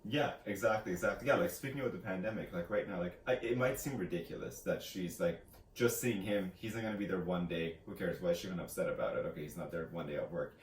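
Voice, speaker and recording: A man with a low voice talks fast while co-hosting a book review channel, rambling through casual, chatty book discussion and often acting out quotes. The recording has a roomy echo, a distant mic, and faint hiss.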